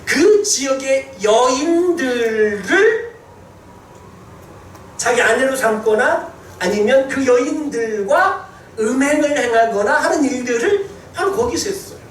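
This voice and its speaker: A male pastor delivers a sermon in a relaxed, talky way, filling his pauses with small hesitation sounds and sometimes starting a phrase over. He pushes his pitch up high to stress key points. His voice rings through a reverberant sanctuary and is picked up by a microphone some distance away. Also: slight background noise. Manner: conversational preaching with many filler sounds and restarts; pitch rises sharply for emphasis. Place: church sanctuary. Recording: roomy church sound from a distant mic.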